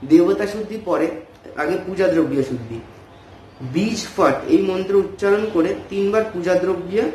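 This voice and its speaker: A man explaining a ritual method step by step, reciting Sanskrit verses and chanting syllable formulas in a slow, steady cadence. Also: high-pitched. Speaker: puja ritual teacher. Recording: echoey room with faint background noise.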